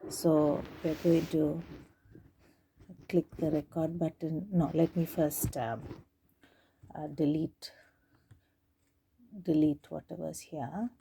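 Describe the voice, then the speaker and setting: Demonstrating how to digitize tapes, a woman presents an unscripted, casual tutorial, hesitating and thinking out loud step by step. She speaks slowly in a low, steady voice that is creaky, mellow and slightly rough, and she pauses often.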